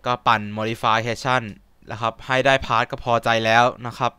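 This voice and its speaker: Young man, gaming host, close dry mic, clear voice, casual rambling commentary. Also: medium pitch, little pitch movement, moderate pace, pushed and bright, no room sound. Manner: chatty, rambling, polite Thai particles, asks himself questions.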